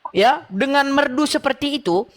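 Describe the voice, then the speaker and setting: Hosting a call-in religious debate on her channel, a woman with a high-sitting voice talks at a normal speed. She keeps pressing and lecturing, sharing stories and chuckling at the points she makes.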